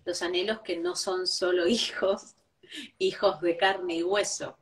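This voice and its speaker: A woman's voice: on the low side, level tone, measured pace, recorded from a distance. A woman, a guest giving reflective spiritual talk, who tags each point with a questioning "right?". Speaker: interview guest.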